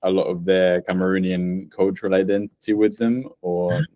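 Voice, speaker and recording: A man's voice: low voice, fairly even intonation, normal speed, warm tone, dry recording. A man hosting a podcast, asking hesitant interview questions with some fillers. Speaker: podcast host.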